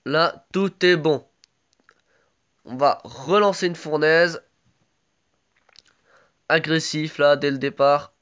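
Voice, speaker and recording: A man's voice: fairly high pitch, slow pace, pauses often, a bit bright, smooth, highs cut off. A man with a sore throat giving casual live commentary on his own game, chatty and full of gamer slang.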